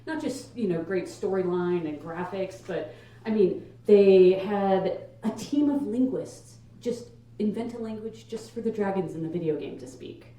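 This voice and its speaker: A woman's voice: medium pitch, moderate pace, dark tone. Echoey young woman doing stand-up comedy. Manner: casual, conversational, emphatic. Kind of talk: stand-up comedy set to a live audience. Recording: echoey live room, distant microphone. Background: audience laughter.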